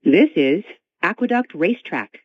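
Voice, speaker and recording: A recorded train announcer making onboard stop announcements over the loudspeaker after a chime, in a measured, evenly paced delivery. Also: medium pitch, very animated, husky, no room sound. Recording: tinny, dry speaker sound.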